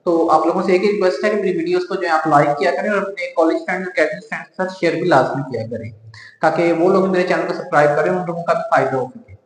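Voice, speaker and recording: A man, a chemistry teacher chatting to his students and retelling a story with lively quoted dialogue. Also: high-pitched, racing, faint music behind. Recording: very echoey, reverberant room.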